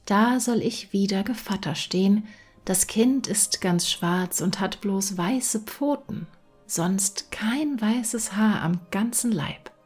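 A woman's voice: mid-range voice, takes it slowly, darkish tone, slightly rough, soft background music. A woman voicing a greedy, sly female cat in a fairy-tale reading, speaking in a smug, often half-whispered way. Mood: coaxing. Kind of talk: storybook reading.

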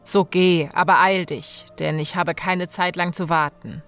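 A woman's voice: lowish voice, steady tone, unhurried, fairly bright tone, clean tone, soft background music. A woman doing Bluebeard, cold and menacing. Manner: cold, commanding, wrathful. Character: cruel menacing man, murderous husband.

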